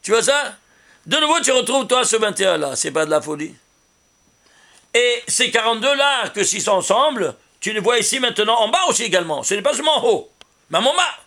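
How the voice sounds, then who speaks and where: A man, a rabbi, giving a Torah lesson on numerology with an animated manner, firing rhetorical questions at his listeners. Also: high-pitched, fairly quick, vocal fry.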